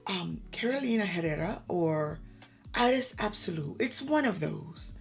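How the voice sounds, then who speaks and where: Woman doing a soft-spoken older Frenchwoman, gracious, light French accent, gravelly husky tone. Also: lowish voice, expressive, a little slow, soft background music, exaggerated voice. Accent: attempted French accent. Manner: kind and gracious.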